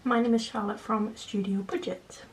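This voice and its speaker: A young British woman talking quietly at night in a casual, hushed vlog style, as if others are asleep nearby. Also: mid-range voice, steady tone, normal speed. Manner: quiet, hushed late-night talking so as not to wake sleeping children. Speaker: vlogger, channel host. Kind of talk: casual budgeting vlog, chatting while counting cash. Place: at home at night. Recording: clearly noisy home recording with clicks.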